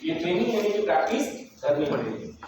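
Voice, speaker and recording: A high-pitched man trains a seminar crowd with emphatic, rapid questions. His voice is far from the mic and rings around a very echoey hall, with a faint noise floor behind it. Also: sing-song. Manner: emphatic, keeps firing questions at the audience. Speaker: motivational sales trainer. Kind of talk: interactive training seminar talk.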